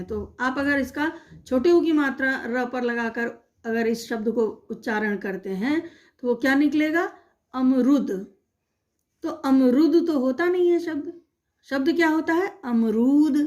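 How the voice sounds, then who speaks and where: A woman teaching young children, slowly spelling out words sound by sound with patient repetition. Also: high voice. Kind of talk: online primary-school lesson.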